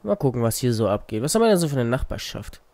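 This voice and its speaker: A man's voice: medium pitch, big pitch swings, racing, a little mellow, no echo. A man giving casual, wry commentary while playing a life-simulation game, muttering to the characters on screen. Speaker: let's play host.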